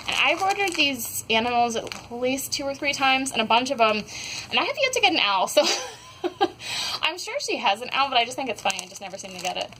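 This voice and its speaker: With a slightly high voice, a young woman reviews scented wax melts from home in a casual, meandering chat loaded with ums and likes. Background noise is audible throughout.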